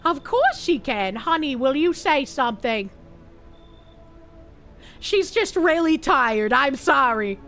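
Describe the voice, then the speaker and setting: A woman's voice: high-pitched, sing-song, slow pace, pauses often, fairly bright tone, soft background music, exaggerated voice. Woman doing a folksy, pushy country husband. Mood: polite, ingratiating. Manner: folksy, overly courteous, falsely sweet. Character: polite, pushy middle-aged country husband.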